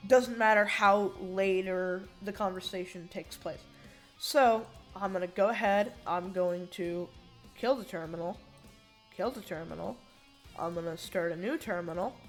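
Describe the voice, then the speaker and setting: A woman talks through a programming demo in an informal, unscripted way, thinking aloud as she goes. Her pitch sits in a middle range, and her S sounds come out a little slushy from braces. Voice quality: slightly slurred S sounds from braces and a bite plate. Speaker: hobbyist programmer demonstrating a project. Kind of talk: casual unscripted tech demo narration.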